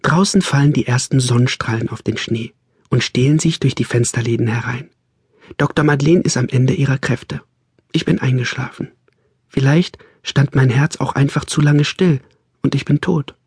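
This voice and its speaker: Husky male audiobook narrator. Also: mid-range voice, fairly even intonation, normal speed, no echo, studio quality. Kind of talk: scripted narration.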